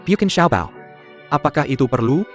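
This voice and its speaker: Man voicing a defensive husband, pleading tone, mid pitch, dull lo-fi dub, soft music. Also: animated, brisk, close to an everyday voice. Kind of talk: dubbed drama dialogue.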